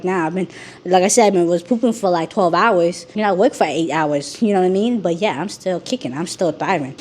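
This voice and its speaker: A woman's voice: on the low side, darkish tone. Rambling woman vlogger with a sick voice. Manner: rambling, frank, conversational. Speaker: YouTuber. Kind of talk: candid personal vlog.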